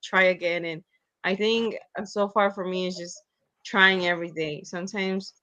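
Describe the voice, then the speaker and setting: A woman heard over a dull, lo-fi video call connection that sounds muffled and a little distant. Her voice sits fairly low, and she speaks in a reflective, hesitant way, pausing often with fillers as she works through her thoughts. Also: fairly even intonation, pushed and bright. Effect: muffled, lo-fi video call line from a distance. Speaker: student leader. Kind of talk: video call panel discussion. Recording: dull lo-fi remote call audio.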